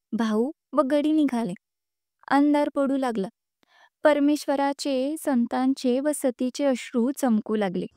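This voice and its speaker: A woman storyteller reads a story aloud with an expressive, measured delivery. Her voice is high-pitched and mellow, and the recording is close and dry. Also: smooth, no room sound. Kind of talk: storytelling narration.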